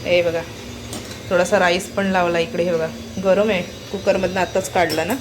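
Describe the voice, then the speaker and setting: A woman's voice: lowish voice, level tone, moderate pace, background noise. A woman from Konkan chatting at home as a family vlogger, talking straight to her viewers and keeping them looking at what she shows. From Konkan, Maharashtra. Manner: chatty, keeps calling viewers to look. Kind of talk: casual vlog chat to viewers. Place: at home, in the kitchen.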